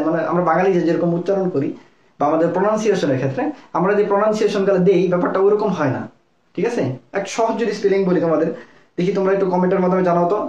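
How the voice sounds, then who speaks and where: A young man from Bangladesh giving a live online lesson as a medical admission tutor, talking fast and often checking in with his listeners. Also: high-pitched, darkish tone. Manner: rapid, repetitive, keeps checking in with listeners. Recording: echoey, dull lo-fi room sound.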